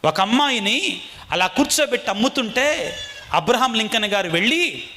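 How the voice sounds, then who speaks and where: A man's voice: high-pitched, expressive, moderate pace, pushed and bright, a little hiss or hum. A man preaching a sermon in a call-and-response style, asking his listeners questions and answering them himself.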